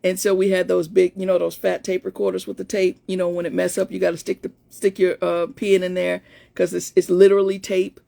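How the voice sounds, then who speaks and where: Fifty-ish woman coach chatting on a live stream, gravelly in-between voice, lots of restarts. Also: fairly low pitch, little pitch movement, brisk, mellow. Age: 50s. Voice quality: voice between feminine and masculine. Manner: storytelling, chatty, many restarts. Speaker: life coach. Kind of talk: casual live-stream talk to viewers.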